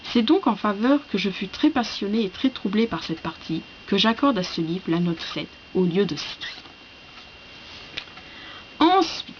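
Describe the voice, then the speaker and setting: A woman's voice: medium pitch, moderate pace, few pauses. A woman talking casually in a book vlog, hesitant and full of fillers, reading parts from her notes. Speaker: book vlogger. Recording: slightly dull lo-fi sound with faint hiss.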